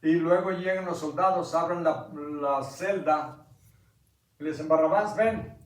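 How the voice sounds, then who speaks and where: A pastor delivers an impassioned sermon, asking his congregation questions and building to loud climaxes. His voice sits a little high for a man. The recording is roomy and echoey, picked up from well away from the microphone in a church. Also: fairly even intonation, measured pace. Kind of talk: sermon with Bible reading. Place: church sanctuary. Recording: echoey church, mic at a distance.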